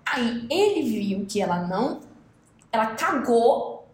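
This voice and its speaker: A woman's voice: fairly high pitch, takes it slowly. A Brazilian woman co-hosting a casual chat, telling a story and acting out what people said. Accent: Brazilian Portuguese. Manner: animated storytelling, acting out quoted dialogue. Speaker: podcast co-host. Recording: roomy echo, faint noise.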